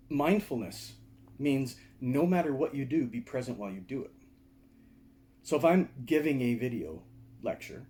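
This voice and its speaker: Seated indoors, a mellow-voiced man of medium pitch teaches meditation in a casual lecture recorded to camera; he also teaches martial arts. His explanations are conversational and dotted with frequent "right?" and "okay?" check-ins.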